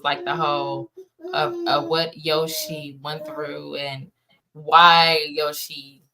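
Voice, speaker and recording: An American woman, a playwright and producer, speaks casually as an interview guest against a noisy background. Her voice is deep, and her informal, emphatic delivery repeats words for emphasis.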